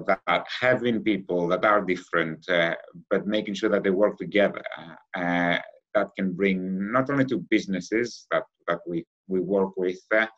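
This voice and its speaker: A middle-aged man from Greece with a Greek accent, answering as a podcast guest in a thoughtful way, pausing often on "uh" and restarting phrases. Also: deep voice, dull audio. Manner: thoughtful, many "uh" fillers and restarts. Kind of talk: podcast interview.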